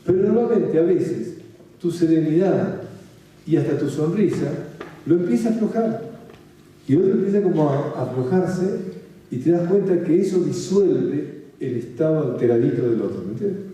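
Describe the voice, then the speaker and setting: A male spiritual speaker with a Rioplatense Spanish accent gives a calm talk, repeating his points and asking listeners whether they follow. His voice is very dark and mellow yet fairly high in pitch, at normal speed. It rings out in a very echoey, strongly reverberant room, caught by a far-off mic.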